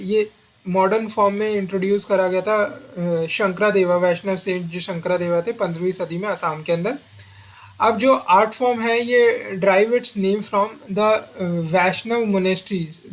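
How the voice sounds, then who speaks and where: A man teaching an exam-prep lecture, often repeating key terms as memory drills and slipping into English phrases. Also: high voice.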